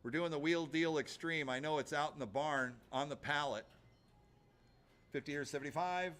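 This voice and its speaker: A man's voice: fairly high pitch, normal speed, fairly bright tone, soft background music. A man working as an auctioneer, chanting bids in a rhythmic, repetitive patter of numbers and stock phrases.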